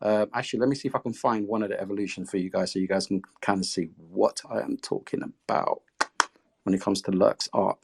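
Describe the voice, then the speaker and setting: A man's voice: on the low side, steady tone, brisk, vocal fry, slightly rough. A man talking casually in an interview, explaining the project he founded. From came to the UK as a child refugee.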